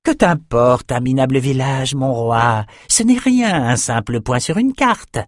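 This is a man's take on a wild-eyed albino shaman in a spoken storybook, crooning his prophecies in a lilting, sing-song voice. He lingers on every word and swings widely between high and low. The recording is close and dry. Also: lively intonation, measured pace, no echo, lightly acted. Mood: singsong taunting. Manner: singsong, chanting. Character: excitable albino male shaman, singsong, unhinged. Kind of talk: audiobook character voice.

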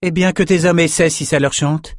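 A man's voice: fairly high pitch, steady tone, normal speed, no echo, clean studio sound, voice pushed up, natural voice. A man reading an audiobook voices a scornful nobleman who mocks his rival. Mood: mocking. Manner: sneering, amused. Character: Maxime, a mocking scornful nobleman.

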